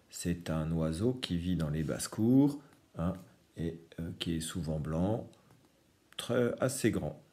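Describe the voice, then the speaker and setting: A man's voice: deep voice, warm tone. A man teaching a reading lesson to young children, patiently explaining each word. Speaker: primary school teacher.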